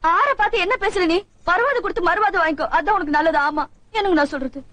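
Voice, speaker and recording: A woman's voice: extremely high pitch, fast talker, no echo. An actress playing a loyal, outspoken village wife, pleading for her jailed husband. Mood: indignant. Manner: pleading, then sharp-tongued.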